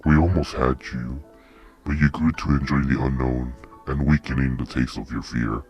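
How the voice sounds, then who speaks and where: A man voicing an ancient, menacing demon creature with a deep, demonic, distant-sounding voice and slow, threatening delivery. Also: steady tone, darkish tone, dull audio, soft background music.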